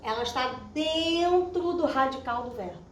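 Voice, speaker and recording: A Brazilian woman teaches a recorded classroom grammar lesson at a whiteboard, patiently explaining step by step and checking in with "tá?". Her higher voice is animated and measured in pace. A distant mic in a roomy space picks up echo and faint hiss.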